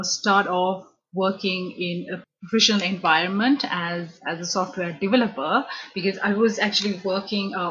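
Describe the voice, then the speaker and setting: A woman's voice: mid-range voice, fairly bright tone, lo-fi sound. A woman from Sri Lanka answering interview questions about her career, speaking thoughtfully with many fillers and restarts. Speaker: interview guest, business analyst.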